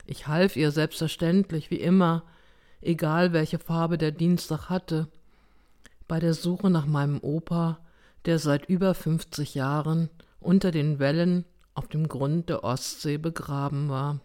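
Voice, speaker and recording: This is an audiobook-style reading: a woman narrates a story told in the first person. She speaks slowly and evenly in a fairly low voice, her delivery measured throughout.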